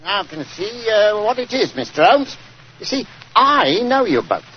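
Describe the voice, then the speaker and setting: A stubborn, apologetic London police inspector with a working-class accent. The voice sits rather high and swings up and down, folksy and officious, on a muffled, hissy old radio recording. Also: male voice, very animated, normal speed. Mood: officious, reluctant. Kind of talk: 1940s radio drama acting.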